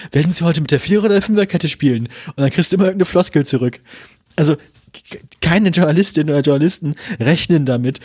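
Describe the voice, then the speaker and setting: Casual male podcaster, raspy-edged and a touch high, chatty, quick to laugh. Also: darkish tone, no echo, studio quality. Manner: laughs often, chatty, trails off and restarts. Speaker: podcast co-host. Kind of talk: casual chat.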